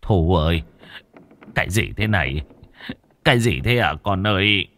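A man's voice: sits low, lively intonation, unhurried, fairly bright tone, heavily acted. A man voicing a frightened middle-aged father who falters and pleads.

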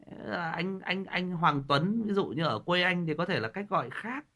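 A man's voice: sits high, expressive, normal speed, sharp tone. A young man hosting a casual livestream, chatting with viewers and teasing a commenter like an older brother. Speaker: ghost story livestream host.

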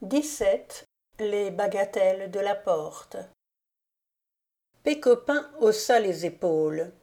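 A woman narrating an audiobook of a classic tale in a measured, expressive reading. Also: medium pitch. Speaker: audiobook reader.

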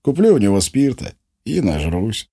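A man's voice: on the low side, big pitch swings, normal speed, mellow, breathy edge, voice pushed up, heavily acted. A man voicing a gullible young man who talks in blustering slang. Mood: sulky. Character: gruff gullible young man, sulky and easily won over.

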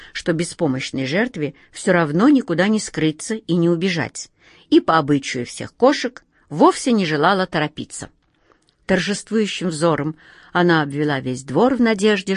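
Expressive woman narrating a children's tale. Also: fairly low pitch, no room sound, studio quality. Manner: expressive, addresses listeners directly. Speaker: storyteller. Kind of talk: storybook narration.

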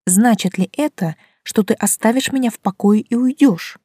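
Nervous stubborn young girl, read by a woman, higher and pleading, dry close sound. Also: normal speed, warm tone, breathy edge, no echo. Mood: anxious. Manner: high, pleading and jumpy.

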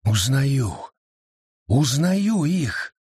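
Brief: man reading an urgent forest beast spirit from a storybook, husky and barking orders. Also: mid-range voice, lively intonation, a little slow, no room sound, clean studio sound. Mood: ecstatic. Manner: urgent, insistent, bellowing orders. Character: wild male forest beast spirit, commanding.

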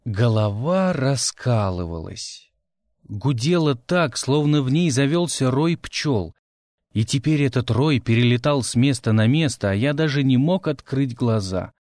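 A man reading a fantasy audiobook aloud in the first person, with a wry, animated storytelling manner. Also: medium pitch, moderate pace, no room sound, studio quality. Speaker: audiobook narrator. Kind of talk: expressive audiobook narration.

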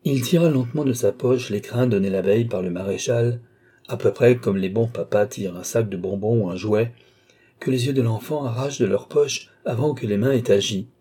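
A man narrating a classic novel as an audiobook in a measured, formal storytelling manner. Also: mid-range voice, warm tone, slightly rough. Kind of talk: scripted literary narration.

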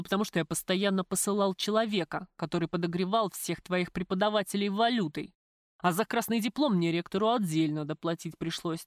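A woman voicing a domineering middle-aged father in an audiobook, gruff and commanding as she scolds his son. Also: fairly low pitch, no echo, clean studio sound, lightly acted.

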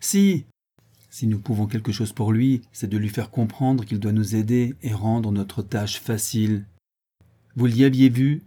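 A stern middle-aged country lawyer, read by a man in an audiobook presses his questions one after another, coldly and without mercy. The voice is warm and mellow, with a husky grain. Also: fairly low pitch, steady tone, a little slow. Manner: cold, hammering cross-examination.

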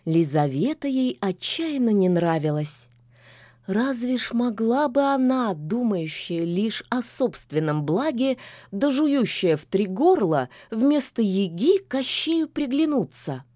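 A woman narrating a folksy fairy tale in an expressive storytelling manner. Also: a little high, takes it slowly, no echo, studio quality. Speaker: audiobook narrator.

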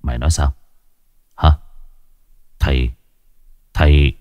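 A man doing a gruff scheming old village chief. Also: sits low, lively intonation, takes it slowly, dry recording, studio quality. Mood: shocked. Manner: commanding, gruff, falsely jovial.

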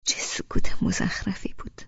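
A woman narrating a first-person audiobook in a soft, often whispery voice. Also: dry recording, highs cut off.

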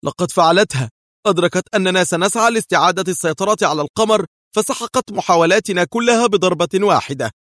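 A man's voice: fairly high pitch, animated, quick pace, dry recording, clean studio sound, voice pushed up, lightly acted. A man voicing a bitter, tense male intelligence director in an audiobook. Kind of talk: audiobook character voice.

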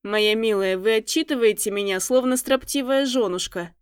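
A woman voicing a blunt, teasing male tracker and bodyguard with a husky low voice in an audiobook. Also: moderate pace, no echo, studio quality, natural voice. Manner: teasing, frank, mocking.

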